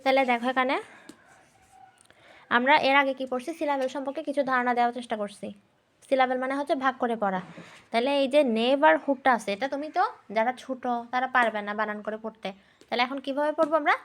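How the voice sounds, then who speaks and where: Woman teaching a grammar class. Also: high-pitched. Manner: spells words letter by letter, asks and answers own questions; reads English sentences slowly, then explains.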